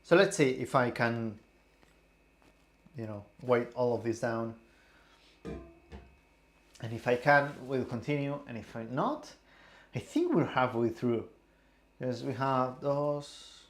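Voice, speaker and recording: A young man talks slowly and unhurriedly in a casual vlog, at an ordinary middle pitch. He sounds tipsy and a little queasy, stumbling and repeating himself as he rambles. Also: lively intonation, a little hiss or hum. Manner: rambling, halting, repeats words. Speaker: streamer. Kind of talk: casual vlog, taste testing.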